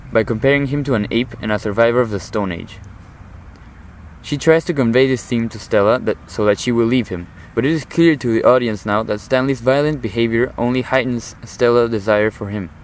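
A man's voice: medium pitch, normal speed, slight background noise, low-quality recording. Teenage boy giving a formal literary commentary. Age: teens. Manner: formal, earnest, analytical. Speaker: high school student.

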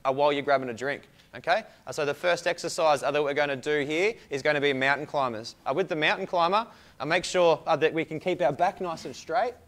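A young man with an Australian accent and a slightly high-pitched voice leads an exercise session as coach. He gives short, clipped instructions and steady encouragement to people training along at home. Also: fast. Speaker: fitness coach. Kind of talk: coaching a workout for viewers at home. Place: indoor room with hard floor and whiteboard.

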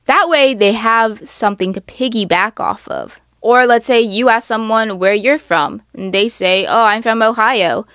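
A woman's voice: on the high side, a little slow, hardly any pauses, a bit bright, no echo, studio quality. A young woman hosting a casual advice talk, chatty and full of "like" and "literally.". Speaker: host.

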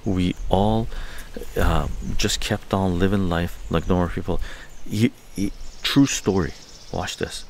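An older Canadian man hosts a livestream from his outdoor patio, slowly telling a story to his live chat over a little hiss or hum. He's animated and laughing, uses crude language and swears, and acts out quotes in higher voices.

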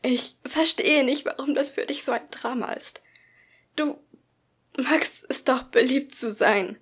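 A woman's voice: high-pitched, unhurried, fairly bright tone, husky, pitched above the performer's own voice, exaggerated voice. A woman voicing a hurt, bullied teenage boy who pleads with a raised, strained voice in an amateur audiobook. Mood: pleading.

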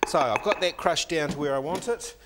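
Working through a recipe in a teaching kitchen, this middle-aged cooking instructor calmly talks through every step, dropping in an "um" now and then. He speaks on the high side and a little fast, over a noisy background.

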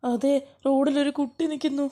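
A kind, remorseful wife who soothes a crying child, voiced by a cartoon actress. Her voice is high but oddly flat, hardly rising or falling. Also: a little fast, natural voice. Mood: soothing. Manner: soothing, apologetic.

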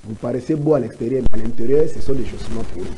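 A man with a Congolese accent giving preachy commentary on church life in a studio discussion. He quotes scripture and lectures at length, with halting restarts. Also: mid-range voice, noisy background. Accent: Congolese French.

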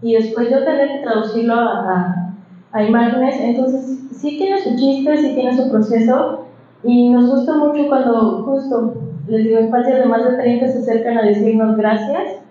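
A woman with a fairly high voice talks in a lively, conversational way about illustrating a book. She speaks on stage in a large, very echoey hall, and the sound is slightly dull. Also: normal speed, slight background noise. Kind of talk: book presentation talk.

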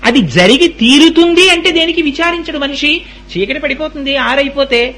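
A man's voice: extremely high pitch, normal speed, pushed and bright. A man giving a devotional sermon, telling stories to his listeners and breaking into chanted verses. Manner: storytelling, addresses listeners directly, breaks into sung verse. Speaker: religious discourse speaker.

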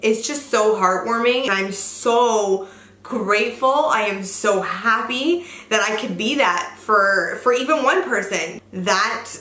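A young woman chatting while doing her makeup, earnest and gushing, slipping into quiet asides to herself. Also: mid-range voice, takes it slowly, roomy sound. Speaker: beauty vlogger. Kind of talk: chatty get-ready-with-me makeup tutorial. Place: bright room, seated on a sofa indoors.

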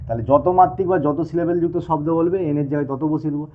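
Male physics teacher, quick classroom delivery, fires questions at students and answers them, tinny lo-fi audio. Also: fairly high pitch, slight background noise. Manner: addresses students informally. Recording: tinny, phone-like sound.

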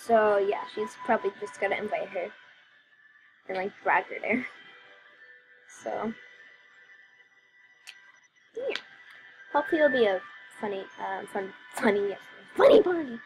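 Gravelly tired-voiced woman gaming. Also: mid-range voice, unhurried, long pauses, faint music behind, low-quality recording. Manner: rambling, apologetic, many "um" and "like". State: voice wearing out from talking all day. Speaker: let's play commentator. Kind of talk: casual gameplay commentary.

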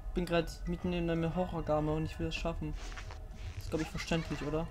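A young woman streaming a horror game live, chatting with viewers, giggly and excitable, often laughing and shrieking. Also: sits low, fast, over music. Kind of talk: live-stream gameplay commentary.

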